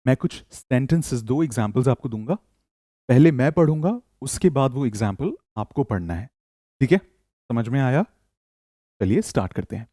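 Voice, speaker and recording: A man teaching spoken English in Hindi, reading model sentences slowly for learners to repeat and praising them often. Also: mid-range voice, lively intonation, mellow, no echo, clean studio sound.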